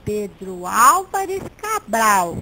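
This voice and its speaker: A woman voicing a female caller who phones in to a quiz show, heard distantly over the phone and answering in short, slow replies. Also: mid-range voice, sing-song, bright, forceful tone, a little hiss or hum, pitched below the performer's own voice, full character voice. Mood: eager.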